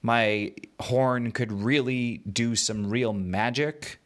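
A man's voice: mid-range voice, takes it slowly, fairly bright tone. A man voicing a friendly, boastful magical narwhal in a children's bedtime story, with a playful showman's manner. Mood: playful, proud.

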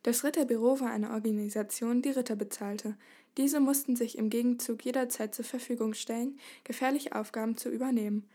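A woman narrating a storybook tale aloud. She reads in a lively way with a fairly high voice. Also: a little fast. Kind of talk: storybook reading.

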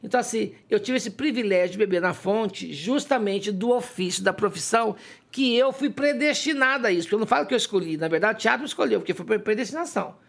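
A woman with a Brazilian accent, a guest in a casual chat, telling stories in an animated, dramatic way and laughing often. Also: medium pitch, fast, gravelly.

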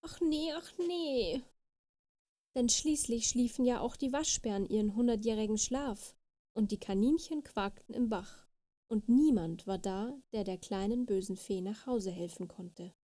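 A woman reading a children's fairy tale aloud with lively, expressive narration. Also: medium pitch, normal speed, dry recording. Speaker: storyteller.

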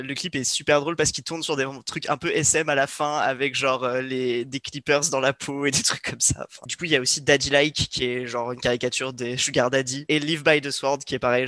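A man presenting a music segment on a podcast in casual chat, hesitant, with many filler pauses and restarts. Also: mid-range voice, pushed and bright, no room sound.

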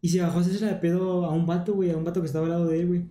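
Mexican dude chatting fast, slangy, dark voice, echoey room with a little noise behind. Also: male voice, high-pitched, level tone. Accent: Mexican Spanish. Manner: slangy, says "güey" constantly. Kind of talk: casual chat.

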